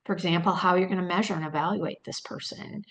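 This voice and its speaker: A woman's voice: fairly low pitch, steady tone, fast talker, fairly bright tone. A woman presenting a training webinar in a loose, conversational way, thinking aloud with frequent fillers and rhetorical questions. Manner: storytelling, with quoted lines in a lifted voice.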